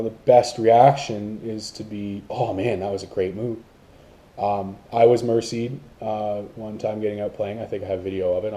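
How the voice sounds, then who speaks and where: A man's voice: fairly low pitch, mellow. A man vlogging about paintball to camera, in a rambling casual talk with many fillers and restarts.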